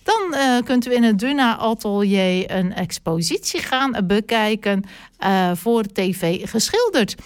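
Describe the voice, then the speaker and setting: A woman's voice: a little high, expressive, unhurried, smooth. Chatty woman radio host. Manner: chatty, with many filler sounds. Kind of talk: casual radio chat.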